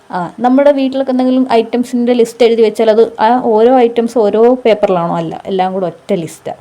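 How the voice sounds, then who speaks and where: A woman gives a patient grammar lesson in a warm, mellow voice. Her pitch sits in a middle range, neither high nor low. She keeps posing quick questions to her students and answering them herself, with a steady "okay" between points. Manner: patient, explains with rhetorical questions and frequent "okay". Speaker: exam coaching teacher.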